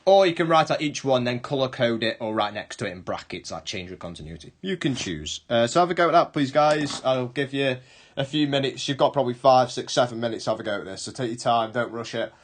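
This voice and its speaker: A man's voice: medium pitch, expressive, fast talker. A male history teacher giving a recorded online lesson, explaining step by step, rephrasing and correcting himself as he goes.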